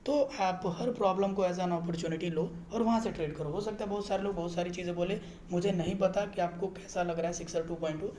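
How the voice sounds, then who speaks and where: Speaking briskly with few pauses, a man with a high, slightly mellow voice and fairly even intonation guides viewers through a trading app. It's a casual screen-recorded explainer where he chats and keeps checking they understand, recorded with reverb and slight background noise.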